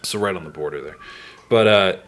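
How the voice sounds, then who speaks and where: A man from Northwestern Ontario hosting an interview, talking in a rambling, halting way with many restarts and fillers. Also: low voice, fairly bright tone. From Northwestern Ontario, Canada. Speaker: podcast host. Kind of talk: casual interview chat.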